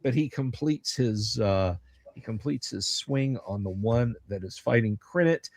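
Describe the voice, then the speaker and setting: Male game master, improvising tabletop narration, unhurried but very animated. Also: medium pitch, dry recording. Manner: playful, theatrical, improvised.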